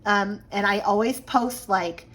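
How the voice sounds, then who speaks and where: A woman's voice: mid-range voice, a little slow, a bit bright. A woman in her thirties, chatting casually to camera at home while planning, with a slight frog in her throat and lots of fillers. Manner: chatty, rambling with many fillers. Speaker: planner vlogger.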